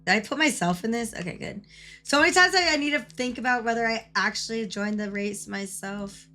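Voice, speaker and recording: A chatty, excitable woman game streamer with a bright, fairly high voice that is hoarse from coughing. She talks casually, repeats her phrases and swears freely, with music playing along. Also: brisk. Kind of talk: casual live-stream chat.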